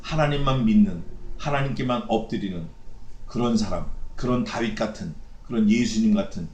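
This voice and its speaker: A man preaching a sermon as pastor, animated and acting out mocking voices. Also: lowish voice, normal speed, reverberant, dull audio. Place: church sanctuary.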